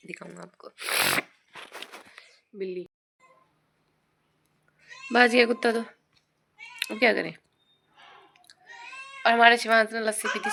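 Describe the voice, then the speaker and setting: A woman's voice: mid-range voice, vocal fry, background noise. A young woman vlogging casually at home, cooing and baby-talking to her infant son between remarks to viewers.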